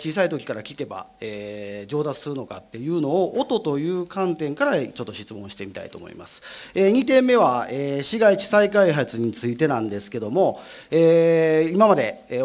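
A man, a city council member, asking formal questions in a council session, measured with many filler pauses. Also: on the high side, darkish tone.

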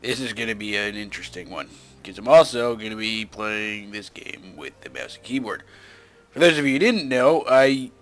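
Young male gaming commentator, hoarse and rough from losing his voice, profane and grumbling, faint game music behind. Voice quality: rough, smoker-like. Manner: profane, grumbling, swings from loud rants to low mutters. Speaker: gameplay commentator.

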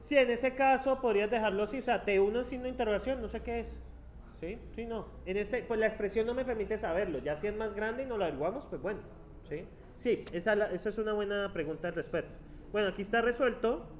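A man's voice: sits high, fast, slight background noise. A man lecturing a university class, chatty and teasing, checking in with the students all the time. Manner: chatty, teasing, asks "¿sí?" constantly. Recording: dull lo-fi classroom recording.

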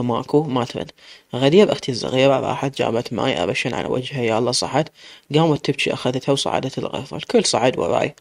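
A man with an Iraqi accent narrating a story in the first person, in a plain, steady telling. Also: medium pitch, vocal fry, dry recording. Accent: Iraqi Arabic.

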